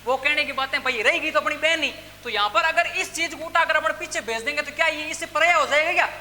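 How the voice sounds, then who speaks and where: A man's voice: very high voice, fast talker, sharp tone. A male teacher with a Rajasthani Hindi accent gives a classroom grammar lecture, asking questions and answering them himself and calling his listeners brother. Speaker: English teacher. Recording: echoey room with faint background noise.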